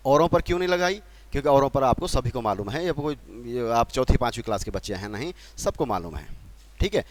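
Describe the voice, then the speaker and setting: A man's voice: mid-range voice, lively intonation, quick pace. A man from Uttarakhand teaching a spelling lesson at a board in a patient manner, repeating key points and putting questions to the class. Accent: Uttarakhand Hindi.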